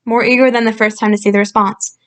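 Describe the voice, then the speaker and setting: A woman reading a story aloud and commenting on it in a calm, explanatory way, with frequent fillers, recorded on a computer's built-in mic. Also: on the high side, fast talker. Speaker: channel host reviewing a story. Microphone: built-in computer microphone.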